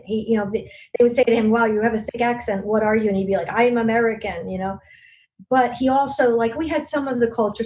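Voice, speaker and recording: A woman with a fairly high, warm voice speaks as a guest on a podcast, heard over poor audio. She comes from Long Island, New York, leads a regional business network, and tells her stories earnestly, with lots of fillers and restarts.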